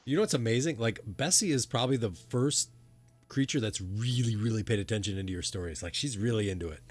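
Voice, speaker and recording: A man narrating a tabletop game as game master in a casual, halting, informal way. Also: on the low side, expressive, dry recording, faint music behind.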